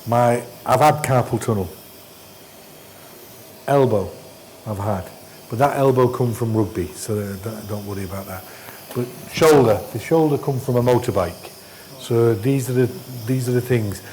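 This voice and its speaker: Coaching a trainee in a hospital endoscopy training room, a middle-aged trainer gives terse hands-on instructions mixed with dismissive asides. His voice is medium-pitched and warm at a moderate pace, on a low-quality recording with a little hiss or hum.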